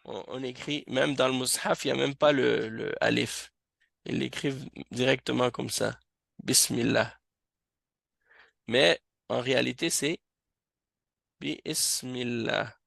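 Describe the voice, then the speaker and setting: Slow, gravelly male Arabic teacher. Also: medium pitch, fairly even intonation, fairly bright tone, no echo. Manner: slow, patient, repeats words to drill pronunciation. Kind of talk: classroom lesson on Arabic reading. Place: mosque classroom.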